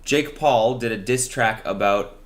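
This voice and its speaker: A man's voice: medium pitch, a little slow. A young man hosting a casual comedic podcast, sarcastic and profane as he reacts to a video. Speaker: podcast host.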